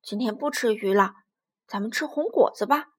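A woman voicing a big, lonely T-rex who is gruff yet gentle, in a children's storybook. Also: a little high, normal speed.

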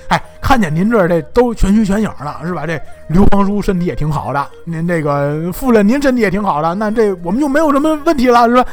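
A man's voice: high-pitched, lively intonation, quick pace, few pauses. A man voicing two nervous army officers who stammer and fawn. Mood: flustered. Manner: flustered, stammering, fawning.

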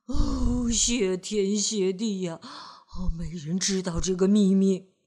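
A woman's voice: medium pitch, slow pace, dark tone, voice pushed down. A woman voicing a jittery little man who is scared of heights, stammering and panicky, in a children's storybook reading. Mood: shaky relief.

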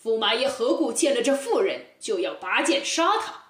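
A man's voice: extremely high pitch, sing-song, normal speed, a bit bright, echoey room, far from the mic, full character voice. A woman voicing a stern, upright old male judge in a children's storybook tale, speaking with commanding force.

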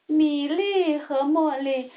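A very high-pitched woman reads a children's picture book aloud at an unhurried, gentle pace. The recording is narrow and tinny, as if captured over a phone. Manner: slow, gentle, clearly paced reading. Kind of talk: storybook read-aloud for children.

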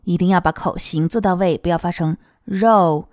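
A woman teaching English pronunciation of a children's song, modeling each sound slowly and clearly. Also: on the low side, fairly even intonation, a little mellow, dry recording, clean studio sound. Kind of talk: explaining song lyrics and pronunciation.

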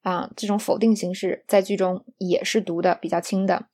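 A woman teaching an online pronunciation lesson, explaining patiently, often asking "right?", and slowing down to demonstrate English examples. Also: medium pitch, flat delivery, darkish tone, breathy edge. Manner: explanatory, rhetorical tag questions; switches to slow English demonstrations.

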